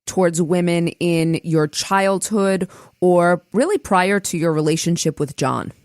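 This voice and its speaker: A woman hosting a podcast, asking measured, polite interview questions. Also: on the low side, a little mellow, no echo, clean studio sound. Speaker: podcast host.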